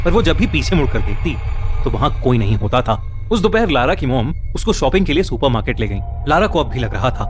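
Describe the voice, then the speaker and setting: A man's voice: medium pitch, background noise. A man narrating a scripted horror story in a dramatic storytelling manner. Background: music.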